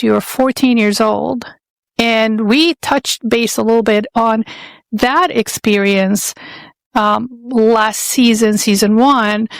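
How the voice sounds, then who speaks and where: A woman's voice: on the high side, no echo. A woman in her fifties from Saudi Arabia hosting a podcast, talking in an earnest, reflective way and often restarting her phrases as she searches for words. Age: 50s. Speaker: podcast host.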